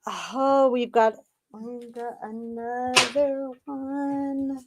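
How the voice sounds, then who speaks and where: A woman's voice: high-pitched, steady tone, extremely slow, heavy background noise. A woman co-hosting a live-stream tarot reading, giggly and eager, with supportive interjections. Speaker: tarot reader, stream co-host.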